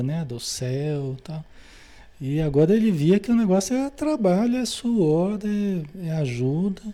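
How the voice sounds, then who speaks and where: A man with a Brazilian Portuguese accent and a fairly high-pitched, dark-toned voice leads a study group. He reads aloud from a spiritual book, explains it, and checks in with listeners after almost every phrase.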